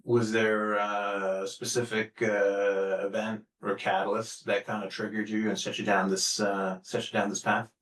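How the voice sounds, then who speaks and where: Low flat-voiced host in echoey room. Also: male voice, unhurried, hardly any pauses, far from the mic. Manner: hesitant, filler-heavy questions. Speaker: podcast host. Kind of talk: interview questions and brief acknowledgements. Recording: roomy sound, off-mic.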